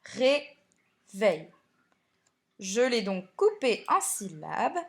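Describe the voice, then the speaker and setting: A woman teacher records a spelling lesson for young pupils. Her voice sits a little high and her pace is unhurried, with every word laid out clearly. She speaks straight to the children as she explains. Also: animated. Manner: slow, clear classroom explanation, addressing pupils directly. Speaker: primary school teacher.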